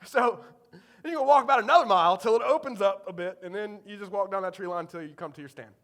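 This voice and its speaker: A pastor doing a drawling rural North Carolina hunter. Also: male voice, high voice, fast, a bit bright, voice pushed up. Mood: matter-of-fact. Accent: Eastern North Carolina. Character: rural male hunter, blunt, giving directions.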